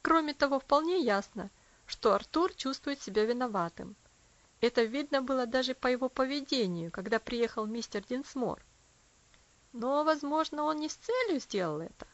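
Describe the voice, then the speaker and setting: A woman voicing a serious boy who speaks slowly and deliberately in an audiobook story. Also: high-pitched, expressive. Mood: thoughtful. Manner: slow, deliberate, thoughtful. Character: solemn serious-minded boy. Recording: dull lo-fi audio.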